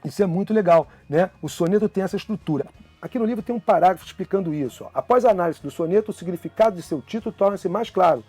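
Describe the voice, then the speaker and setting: A man with a Brazilian Portuguese accent giving an online literature lesson, chatty and enthusiastic, reading poems slowly and expressively. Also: sits high, a little mellow, husky, no echo, faint music behind. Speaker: literature teacher.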